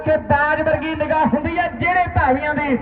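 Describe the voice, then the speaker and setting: A man commentates on village kabaddi with a Punjabi accent, chanting and repeating his calls in verse. The pitch is very high and stays on one level, over a tinny, echoing sound heard from afar. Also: steady tone, fairly quick. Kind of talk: rural live sports commentary with chanted verse. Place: outdoor village sports ground. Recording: echoey, distant, tinny loudspeaker sound.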